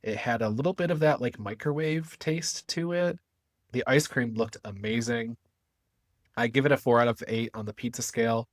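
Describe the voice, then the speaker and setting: A man's voice: mid-range voice, normal speed, no room sound. A man co-hosting a podcast, chatting and telling a story in a joking way. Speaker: podcast co-host. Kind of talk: casual podcast chat.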